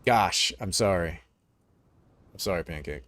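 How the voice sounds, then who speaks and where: A young man hosting a late-night game stream, talking in a relaxed, rambling way. His voice sits on the low side as he chats with viewers. He tells stories between bits of gameplay. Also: a little slow, no echo. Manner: laid-back, rambling, peppered with dude and man. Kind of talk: casual gaming chat and storytelling.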